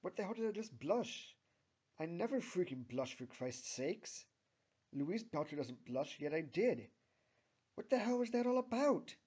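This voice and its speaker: A man voicing a bratty girl who shouts in exasperation. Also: mid-range voice, steady tone, moderate pace, few pauses, slightly rough, highs cut off, lightly acted. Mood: frustrated. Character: bratty girl, loud and frustrated.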